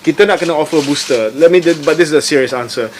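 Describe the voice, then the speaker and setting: A man's voice: fairly high pitch, quick pace, a little hiss or hum. A young man giving a serious, explanatory answer that mixes English and Malay. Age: young adult.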